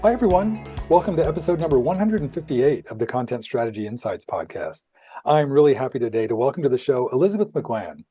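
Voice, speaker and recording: Man, podcast host, mellow husky voice, dry sound, earphone mic. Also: mid-range voice, big pitch swings, quick pace, soft background music. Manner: friendly, rambling with restarts. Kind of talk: casual interview hosting. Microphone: earphone mic on video call.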